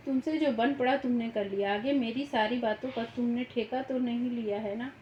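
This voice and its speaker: A woman's voice: a little high, fairly even intonation, normal speed, slight background noise, natural voice. A woman voicing an irritable young male student in an audiobook, speaking curtly and sulkily. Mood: resentful. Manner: sulky, curt, annoyed. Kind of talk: audiobook reading. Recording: roomy, slightly dull home recording.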